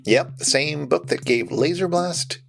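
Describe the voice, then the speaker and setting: A man's voice: on the high side, unhurried, creaky. A man co-hosting a podcast, giving informal, wry commentary and trivia about a film. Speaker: podcast co-host. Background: music.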